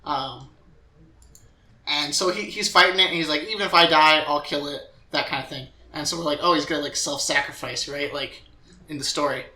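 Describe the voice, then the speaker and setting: Young male podcast host, bright tense tone, rambling recap, echoey room. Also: a little high. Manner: rambling recap with filler words and acted quotes.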